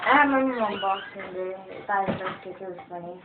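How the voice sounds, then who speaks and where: A woman's voice: mid-range voice, fairly quick, noisy background. A woman chatting offhandedly during a family home video. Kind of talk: casual home video chat. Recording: tinny, echoey phone audio.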